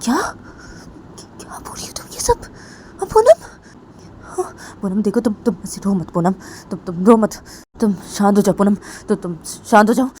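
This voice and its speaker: A woman's voice: very high-pitched, big pitch swings, a little fast, a little mellow, a little hiss or hum, voice pushed up. A woman voicing a caring young woman coworker in a told story, asking anxious questions over and over. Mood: soothing. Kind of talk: storybook narration acting.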